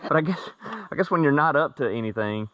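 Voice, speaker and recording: A man talking casually to camera at home, rambling and easygoing, often trailing off into quiet asides. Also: a little high, lively intonation, fairly quick, no echo, muffled recording. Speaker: vlogger. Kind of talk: casual video outro. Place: at home after a ride.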